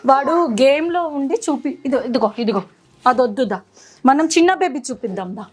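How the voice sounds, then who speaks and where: A woman's voice: high voice, animated, normal speed, husky. A young woman, a mother and vlogger, talking to her toddler at home in playful sing-song baby talk.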